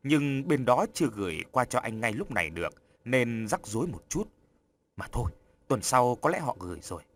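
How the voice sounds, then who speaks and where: A slick, charming man coaxes and soothes with easy words, played by the male narrator. His voice stays near a medium male pitch with lively rises and falls. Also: moderate pace, a little hiss or hum, close to an everyday voice. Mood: smooth. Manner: smooth, coaxing. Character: smooth-talking charming man, a deceiver. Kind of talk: audiobook character voice.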